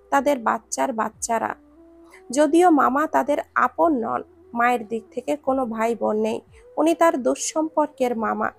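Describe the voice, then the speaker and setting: A woman narrates a scripted story with expressive delivery. Her voice is high, with a noticeable gravelly fry.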